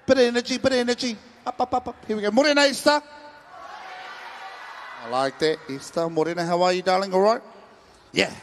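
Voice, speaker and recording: A man's voice: high-pitched, fast, in a large hall, slight background noise. A man with a Māori New Zealand accent hosting a live stage event, playful and informal as he calls out to the audience. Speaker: festival stage host.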